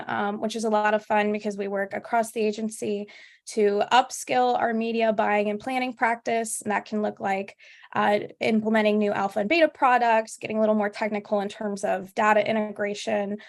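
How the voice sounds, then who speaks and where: Gravelly woman with a measured delivery. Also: mid-range voice. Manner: measured, with frequent uhs. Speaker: panelist. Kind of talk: casual self-introduction.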